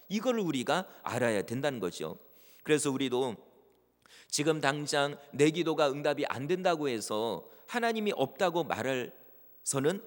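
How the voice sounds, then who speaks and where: A male pastor delivering an earnest sermon, addressing his congregation directly. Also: on the high side. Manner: earnest preaching, voices quoted prayers with rising intensity. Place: church sanctuary. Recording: long church reverb.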